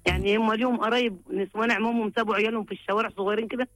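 Fast-talking older Upper Egyptian woman, high-pitched. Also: steady tone, a bit bright, dry recording. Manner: pleading, emotional, repetitive. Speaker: caller seeking advice. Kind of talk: personal account of hardship.

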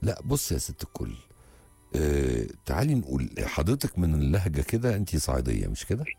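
A man's voice: extremely low pitch, very animated, fairly quick, vocal fry, mellow, breathy edge, no room sound, faint music behind. A man, hosting an advice show and counselling a caller in an emphatic, reassuring manner.

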